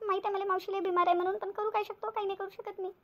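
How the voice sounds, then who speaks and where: A woman plays a sly, whiny young wife in a cartoon, her high voice edged with gravel as she pleads and wheedles. She rattles her lines off at a brisk clip. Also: steady tone. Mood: fake sobbing. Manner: wheedling, fake-tearful pleading. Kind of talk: cartoon voice acting.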